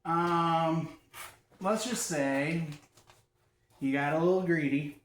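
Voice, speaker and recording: A man chatting casually with a friend, blunt and quick to laugh, recorded on a phone across an echoey room. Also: fairly high pitch, fairly even intonation, a bit bright, recorded from a distance, slight background noise. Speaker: guest. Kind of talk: casual chat. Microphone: phone across the room, no mic.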